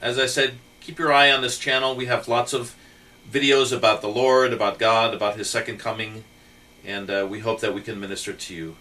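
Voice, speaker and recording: A middle-aged man hosting a channel, speaking earnestly and gently about faith, with fillers and pauses. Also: mid-range voice, little pitch movement, distant mic, poor audio. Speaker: channel host. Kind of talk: heartfelt faith talk to camera.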